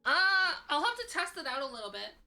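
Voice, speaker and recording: Bright, cute anime-streamer woman. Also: high-pitched, big pitch swings, a little fast, faint music behind. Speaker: virtual streamer hosting a live stream. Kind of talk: casual livestream chat.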